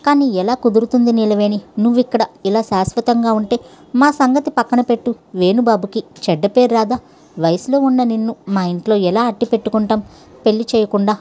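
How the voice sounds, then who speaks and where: Brief: woman reading as a soft-spoken, caring older lady of the house; mellow, warm tone, storybook. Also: on the high side, brisk, natural voice. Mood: gentle coaxing. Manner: soft, coaxing. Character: kind older mistress of a house, gentle and concerned.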